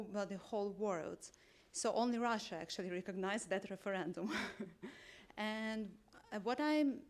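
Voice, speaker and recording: A young woman from Ukraine, asking a question at a talk in an earnest, careful way. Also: a little high. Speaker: audience member asking a question.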